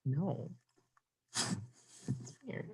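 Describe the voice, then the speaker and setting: A staff member speaking on a video call into a computer mic whose sound comes through muffled and hollow, as if from inside a barrel, fading in and out. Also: drawn-out words. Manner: faint, fading in and out. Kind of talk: speaking at a public meeting.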